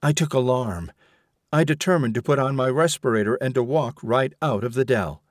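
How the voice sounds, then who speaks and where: A haunted young rebel recounts his ordeal in earnest, dramatic first person, voiced by a man reading an audiobook. The voice sits in a middle male pitch. The recording is dry and close. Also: darkish tone, dry recording, lightly acted.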